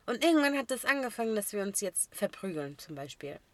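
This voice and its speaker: A young woman co-hosting a podcast, telling stories in a lively way with casual slang. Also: mid-range voice, a little fast, dry recording. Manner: animated storytelling with slang. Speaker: podcast co-host.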